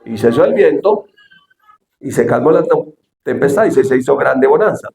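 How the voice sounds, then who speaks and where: A man's voice: mid-range voice, animated, normal speed, creaky, darkish tone, echoey room. A man preaching a sermon, asking the congregation questions and acting out quoted speech with dramatic voices.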